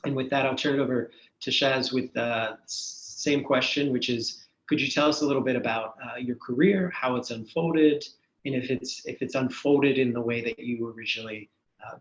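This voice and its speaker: A man's voice: medium pitch, fairly even intonation, moderate pace, a bit bright. Male moderator, polite, hands off questions, echoey room, muffled sound. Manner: polite, thanking and handing over. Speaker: panel moderator. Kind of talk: panel discussion.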